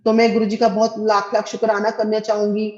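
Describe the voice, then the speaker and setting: A woman's voice: medium pitch, completely flat delivery, brisk, darkish tone. A middle-aged woman earnestly tells a personal devotional testimony, speaking directly to her listeners and acting out the dialogue. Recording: echoey, dull lo-fi recording.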